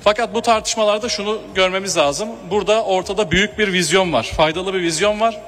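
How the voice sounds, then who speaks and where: A man with a high, somewhat bright voice stands at a podium microphone in a large hall, addressing a general assembly. His speech is formal and measured but punctuated by hesitant fillers. The recording carries a long hall reverb and faint room noise.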